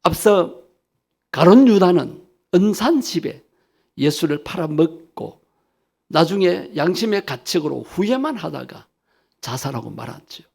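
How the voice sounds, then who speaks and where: A man's voice: fairly high pitch, sing-song, unhurried, gravelly, darkish tone, breathy edge. A male pastor delivering an earnest sermon, lifting his voice to speak the questions of Jesus with emphasis.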